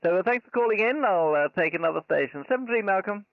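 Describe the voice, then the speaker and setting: An amateur radio operator with a high, expressive, gravelly voice speaks quickly while making live ham radio contacts at a convention special event station. His patter is polite and procedural, full of call signs and signal reports. The dry recording sounds slightly muffled and dull.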